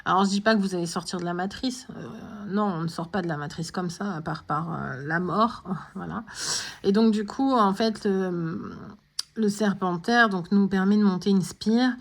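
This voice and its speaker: Woman, spiritual guidance monologue, hesitant with restarts, medium pitch. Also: moderate pace. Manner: hesitant, many fillers and restarts. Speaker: tarot and oracle reader.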